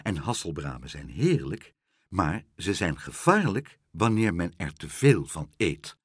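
Brief: male reader doing a low, deliberate wise shopkeeper, dry sound. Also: big pitch swings, breathy edge, dry recording, exaggerated voice. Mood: solemn. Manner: solemn, measured.

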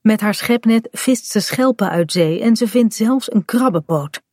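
A woman calmly reading a children's story aloud in a gentle storytelling manner. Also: mid-range voice, measured pace, no room sound, clean studio sound. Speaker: storybook reader.

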